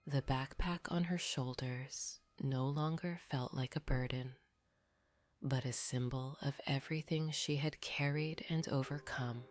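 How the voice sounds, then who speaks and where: Sleep story narrator: woman, low soft half-whisper, very unhurried, soothing bedtime delivery over music. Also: fairly even intonation. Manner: soothing, unhurried, gently guiding listeners to rest. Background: background music.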